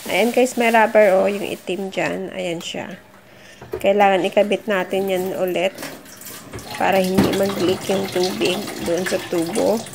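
Chatty woman with a gravelly voice. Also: medium pitch, fairly even intonation, a little slow, noisy background. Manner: chatty, encouraging, addresses viewers as guys. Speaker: vlogger. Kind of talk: casual how-to vlog. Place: under a kitchen sink at home.

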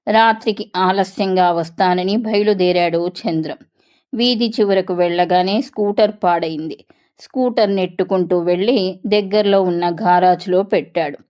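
A woman narrator reading a story aloud in a steady, measured way. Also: on the low side.

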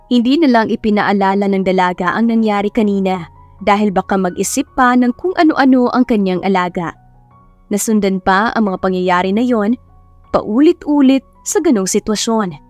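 A woman narrating a romance story in a steady, scripted storytelling voice. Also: mid-range voice, moderate pace, no room sound, soft background music.

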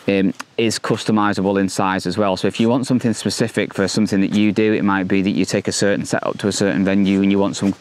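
An Englishman in his thirties with a lowish, slightly mellow voice hosts a fishing channel, reviewing a product to camera outdoors by a lake. He's upbeat and enthusiastic, using frequent fillers and restarts, and is recorded on a lapel mic.

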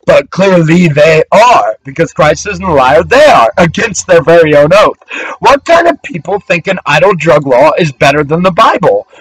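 High-voiced guy preaching hard, fiery and repetitive, dry close mic. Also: fairly bright tone, dry recording, low-quality recording. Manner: fiery, repetitive, preaching at listeners and addressing kids. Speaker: street preacher. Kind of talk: impassioned sermon with scripture reading.

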